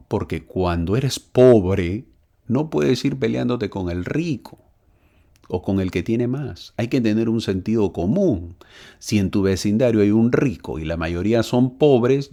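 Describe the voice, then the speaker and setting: Low, animated male Bible teacher who quizzes himself out loud. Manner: emphatic, asks and answers his own questions. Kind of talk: Bible lesson lecture. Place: living in Texas.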